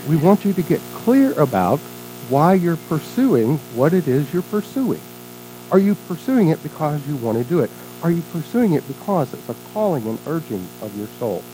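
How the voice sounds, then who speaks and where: Expressive, mellow-voiced minister. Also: mid-range voice, moderate pace, slight background noise, low-quality recording. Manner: expressive storytelling, then reflective teaching. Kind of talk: sermon.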